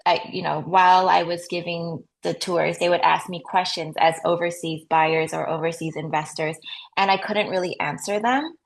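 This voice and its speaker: Speaking at a moderate pace with a lowish, steady voice and some vocal fry, this American woman in her thirties answers interview questions casually. She talks about working as a real estate agent, dropping in plenty of "like" and soft laughter.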